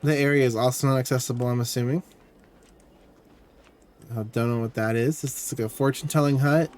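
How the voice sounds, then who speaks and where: A man's voice: medium pitch, steady tone, brisk, a little mellow. A male streamer playing a game live, reading dialogue aloud and adding sarcastic, swearing asides. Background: faint game music.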